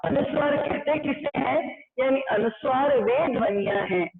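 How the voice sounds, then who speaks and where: A woman teacher giving an online grammar lesson, explaining slowly and repeating key points to her students. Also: sits high. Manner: slow, repeating explanations, addressing students as beta. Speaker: school teacher. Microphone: blackboard class recorded. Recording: tinny phone-like sound with crowd noise.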